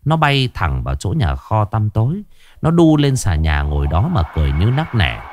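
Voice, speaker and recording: A man's voice: on the low side, moderate pace, a little hiss or hum. A man narrating a horror story expressively. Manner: expressive, animated. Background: faint music.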